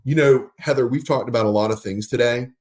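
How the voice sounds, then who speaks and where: A man hosts a casual podcast chat. His voice sits at an ordinary middle pitch. He explains patiently and spells words out letter by letter when it matters. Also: fast, a little mellow. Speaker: podcast host.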